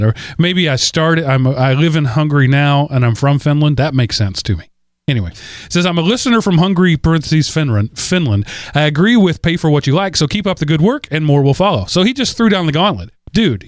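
A man hosting a podcast, chatting casually and rambling with fillers and quick laughs. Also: a little high, dry recording, clean studio sound. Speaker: podcast host. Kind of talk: casual chat.

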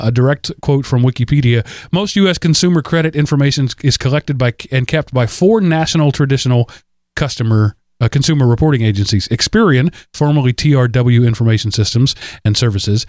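A man hosting a casual podcast, talking in a rambling, chatty way full of fillers and little laughs. His voice sits at a middling pitch and is recorded close and dry, with no room sound. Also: darkish tone, no room sound. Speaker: podcast host. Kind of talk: casual chat.

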